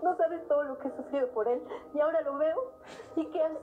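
A woman acting a tearful, anguished Mexican mother in a telenovela. Her voice is high and breaking, full of fear. The sound is thin and phone-like, over music. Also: quick pace, lightly acted. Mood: tearful, afraid. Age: middle-aged. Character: anguished, fearful mother pining for her estranged son.

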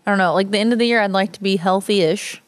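A woman's voice: medium pitch, quick pace, no room sound. A woman co-hosting a podcast, chatting casually in a bubbly way with constant "like"s. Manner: bubbly, says "like" constantly, laughs often. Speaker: podcast co-host. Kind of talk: casual chat.

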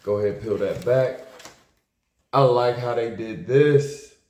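Filming in a small room against a plain wall, this American YouTuber from Maryland, in his thirties, talks slowly through a sneaker unboxing. His medium-pitched voice has a darkish tone, and he's relaxed and slangy, often repeating himself. The sound echoes around the room.

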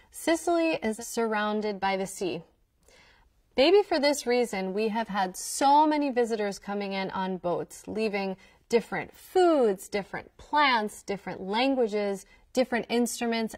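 In a clean, dry studio recording with a distant mic, a folk musician from Queens, New York uses her mid-range voice to tell children about her family and music. The scripted educational talk is delivered with enthusiastic storytelling, in front of a wooden wall backdrop indoors.

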